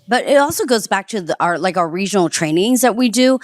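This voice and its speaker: Female panelist, enthusiastic explainer, mid-pitched, dry close recording. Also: lively intonation, brisk, no echo. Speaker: panelist from a civic organization. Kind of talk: panel discussion.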